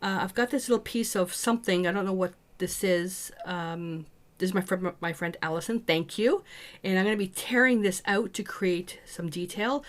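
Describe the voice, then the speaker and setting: A woman's voice: medium pitch, moderate pace. A woman walking viewers through a small mixed-media art project, chatting as she works. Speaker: art teacher. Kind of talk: casual craft tutorial.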